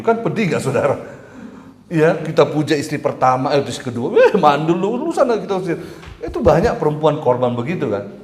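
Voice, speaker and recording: A man's voice: mid-range voice, darkish tone. Preaching man in an echoing church hall. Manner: conversational preaching with rising emphatic bursts and audience call-and-response. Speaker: pastor. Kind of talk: sermon.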